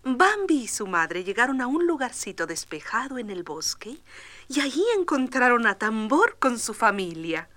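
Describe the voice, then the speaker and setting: Expressive woman storyteller, dry studio. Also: on the high side, moderate pace, dry recording. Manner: expressive and tender. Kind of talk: storybook record narration.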